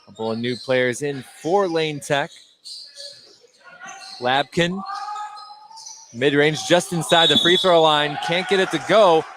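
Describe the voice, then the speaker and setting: Slow and pausing often, a man with a somewhat high voice delivers live radio play-by-play of a basketball game from an indoor gym. Bouncing basketballs and gym ambience come through clearly behind his voice.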